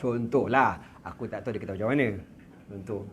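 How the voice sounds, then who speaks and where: A man with a Malaysian Malay accent giving a religious lecture in a prayer room, telling the story in a lively, joking way with slang and sound effects. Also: on the low side, fast, slight background noise. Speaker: religious teacher.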